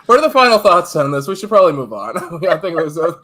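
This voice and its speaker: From a room at home on a video call, a man in his thirties co-hosts a casual podcast live stream, laughing often and reading the chat aloud. His voice is on the high side, sing-song, fast and a bit bright.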